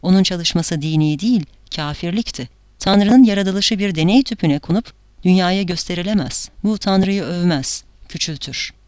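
Woman, audiobook narration, dramatic, measured, dry close sound. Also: lowish voice, darkish tone, no room sound.

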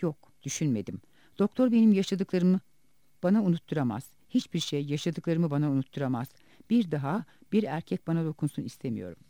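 A man reading the part of a bitter, wounded woman house cleaner in an audiobook, in a quiet, subdued way. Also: a little high, sing-song, a little fast, dry recording.

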